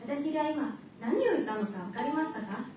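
A woman with a high voice gives a prepared contest speech in a non-native Japanese, clear and measured. She is recorded from a distance in a large, very echoey hall. Faint room ambience sits underneath. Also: lively intonation, darkish tone, a little hiss or hum. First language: not Japanese. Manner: clear, measured delivery to an audience.

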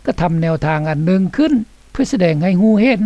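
A woman's voice: lowish voice, expressive, fast, mellow, no room sound. A woman reading scripted documentary narration for a radio report. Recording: dull, slightly lo-fi, dry studio sound.

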